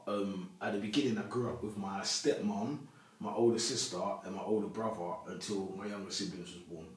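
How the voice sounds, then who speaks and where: Congolese-born man with slang. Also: on the low side. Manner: relaxed, rambling street slang. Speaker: guest. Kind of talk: casual interview chat. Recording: echoey room, mic at a distance.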